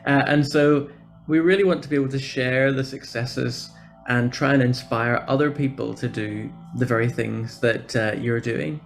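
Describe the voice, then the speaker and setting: Giving an informal, encouraging conference presentation over a video call, this Northern Irish church programme officer and guest speaker has a gravelly, medium-pitched voice. He keeps a steady tone at a normal speed, with soft music playing in the background.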